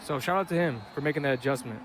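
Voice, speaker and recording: A man's voice: medium pitch, rapid-fire, a crowd in the background. A man with a Wisconsin accent giving casual, slangy live commentary on a football video game, bantering with co-commentators. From Wisconsin, United States. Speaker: esports commentator.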